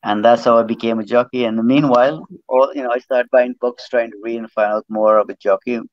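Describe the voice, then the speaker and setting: A man's voice: mid-range voice, fairly even intonation, fairly quick, no echo. A middle-aged man from Trinidad who grew up in Guyana, telling his life story at length as a guest, often repeating words. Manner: rambling, repeats words while recounting. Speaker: guest, former jockey. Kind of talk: casual storytelling on a video call. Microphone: video call. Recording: slightly dull video call audio.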